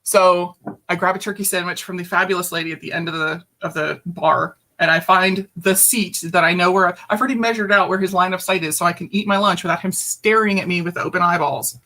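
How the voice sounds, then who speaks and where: A woman's voice: fairly low pitch, steady tone, fairly quick, bright, forceful tone. A woman guest telling a personal story in conversation, blunt and emphatic, swearing freely, over a video call.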